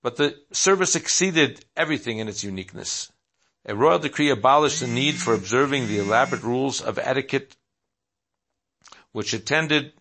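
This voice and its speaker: A man reading a story aloud at a steady pace, with small slips and restarts. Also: mid-range voice, creaky.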